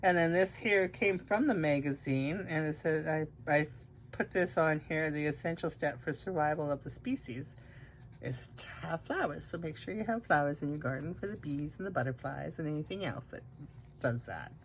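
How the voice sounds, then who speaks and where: A woman's voice: sits low, normal speed, slight background noise. A woman with a cold hosting a casual craft video, chatting and rambling through a show-and-tell with frequent restarts. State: has a cold, coughing and hiccups.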